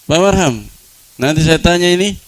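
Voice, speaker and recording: A man's voice: normal speed, rough recording. A man teaching Arabic grammar to a class, often asking rhetorical questions, answering them himself and repeating key words. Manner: repeats key words, drops to a low voice for examples. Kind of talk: classroom lecture.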